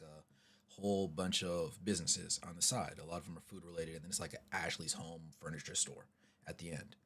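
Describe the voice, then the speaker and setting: A man telling a story casually to his vlog audience, chatty and animated with asides. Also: deep voice, gravelly, husky. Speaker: vlogger, storyteller.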